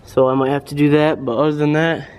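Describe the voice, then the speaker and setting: A young car vlogger, out of breath, talks through his car work in a laid-back, rambling way full of fillers, first in the garage by the car and then outdoors in the wind. His fairly high voice is fast, clear and resonant, a little mellow, with little pitch movement. The recording quality is low.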